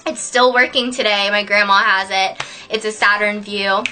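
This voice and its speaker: A young woman telling a story on her vlog, animated and sweary, laughing often. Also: mid-range voice, moderate pace, soft background music. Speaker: vlogger.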